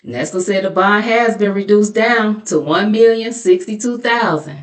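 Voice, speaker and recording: At normal speed and medium pitch, a middle-aged American woman narrates as a YouTube commentary host. Her reactions are sassy and gossipy, delivered with colloquial, playfully mocking, dramatic storytelling.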